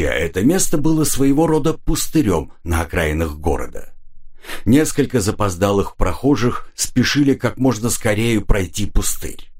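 A man reading an adventure novel aloud as an audiobook narrator, in an expressive, dramatic way. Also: fairly low pitch, breathy edge.

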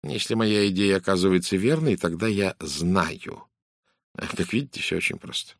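A man voicing a calm, precise, gently ironic detective in an audiobook, speaking quietly and in measured phrases. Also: low-pitched, no room sound, clean studio sound. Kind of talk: audiobook character voice.

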